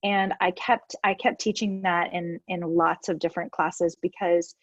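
A woman's voice: lowish voice, steady tone, normal speed, no room sound. A woman with a stuffed-up nose, casually explaining breathing exercises step by step with lots of "like" fillers. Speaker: yoga teacher guest. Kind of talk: casual instructional chat.

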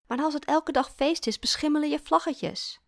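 Woman narrator voicing a matter-of-fact young woman, lifted pitch, slight gravel. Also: moderate pace, no echo, clean studio sound. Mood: earnest. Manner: blunt and literal.

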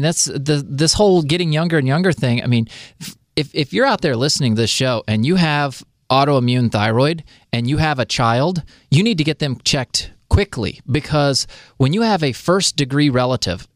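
A man co-hosting a casual health show, talking in an emphatic, chatty way with lots of ums. His voice sits at an average pitch. The sound is dry and close, with no room echo.

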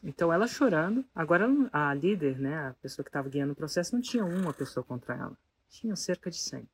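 Husky São storyteller. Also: medium pitch, fast. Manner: animated, asks the listeners rhetorical questions. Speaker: speaker telling a story to an audience. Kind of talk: casual storytelling talk.

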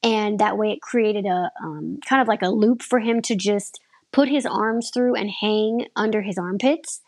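A woman's voice: medium pitch, unhurried. A woman in her thirties, an aerial performer, chatting casually in an interview. She rambles and often restarts her sentences.

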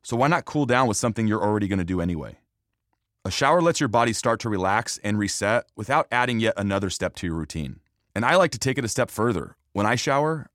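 A man's voice: on the low side, no echo, clean studio sound. A man hosting a fitness podcast as a trainer, reading scripted narration.

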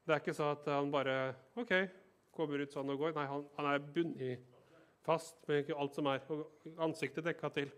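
A man's voice: a little high, flat delivery. A male pastor reading scripture aloud and then explaining it in a conversational way, often checking that listeners are following.

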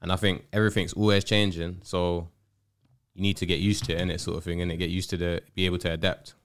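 A man's voice: deep voice, level tone, fast talker, clear, resonant tone. A man with a London roadman accent, hosting a casual chat show in a laid-back, slangy way. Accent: London roadman, urban slang. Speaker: podcast host.

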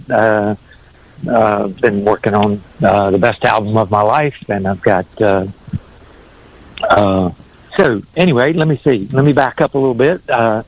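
A man's voice: on the low side, low-quality recording. A middle-aged man from North Carolina, telling his story in a rambling, hesitant way as an interview guest. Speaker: singer-songwriter, interview guest.

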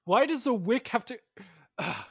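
A man's voice: very high voice, big pitch swings, unhurried, vocal fry, fairly bright tone, slightly rough, no room sound, clean studio sound. A man playing a flustered, exasperated customer in an improv comedy scene. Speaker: improv performer.

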